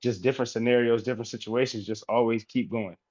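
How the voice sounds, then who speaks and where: An easygoing man talks in a relaxed, rambling way, leaning on fillers as he goes. His voice sits in a middling pitch. The sound is a little muffled and lo-fi. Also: quick pace. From United States. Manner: relaxed, rambling, many fillers like "you know". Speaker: guest, professional basketball player. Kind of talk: casual interview talk.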